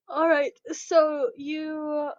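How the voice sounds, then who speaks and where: A woman running a tabletop game as game master, playful and pausing as she rules. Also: sits high. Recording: dull lo-fi mic, dry.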